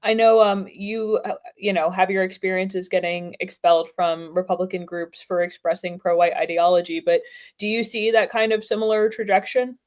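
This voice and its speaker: A woman's voice: mid-range voice, fairly even intonation, normal speed, a little mellow. A woman hosting a casual chat, talking earnestly and emphatically. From United States. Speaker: host.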